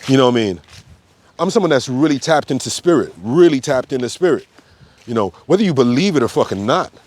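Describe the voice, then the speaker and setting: A man's voice: mid-range voice, animated, fast talker, a little mellow. A man, a yoga teacher, talking in a loose, unscripted monologue, blunt and profane, with sudden emphatic outbursts. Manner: loose, repetitive phrasing with frequent fillers. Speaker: yoga teacher and health coach.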